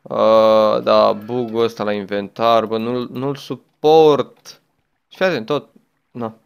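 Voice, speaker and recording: A man's voice: fairly low pitch, steady tone, gravelly, smooth. A young man chatting his way through a game as a gaming YouTuber, exclaiming often and talking to the game and a friend. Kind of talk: let's play commentary.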